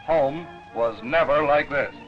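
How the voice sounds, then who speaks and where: Man narrating an old newsreel. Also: on the high side. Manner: brisk, declamatory. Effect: old newsreel sound. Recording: dull lo-fi 1940s newsreel soundtrack with music. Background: music.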